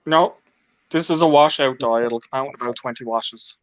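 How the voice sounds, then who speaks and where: A man's voice: mid-range voice, moderate pace, dry recording. A man co-hosting a casual live chat, joking around and giving practical tips. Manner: joking, gives practical advice. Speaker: live show co-host. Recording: dull lo-fi sound.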